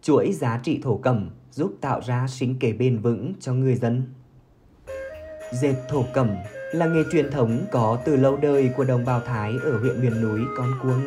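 Man, narrator, scripted reading, steady, music behind. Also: medium pitch. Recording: narration over background music.

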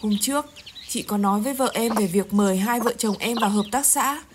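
A woman playing a village cooperative leader who speaks calmly, gently and persuasively. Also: mid-range voice, brisk, lightly acted. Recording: noisy outdoor skit recording.

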